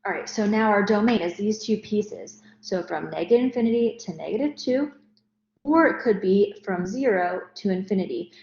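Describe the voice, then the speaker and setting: A woman's voice: medium pitch, animated, moderate pace, darkish tone. Woman talking through math steps. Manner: step-by-step, explanatory. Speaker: math teacher. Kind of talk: recorded math lecture. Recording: roomy, dull lo-fi recording.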